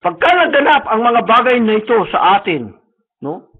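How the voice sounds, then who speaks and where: Male preacher, fervent sermon delivery, husky high voice, tinny phone-like stream sound. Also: very animated, moderate pace. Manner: earnest, fervent preaching with frequent restarts.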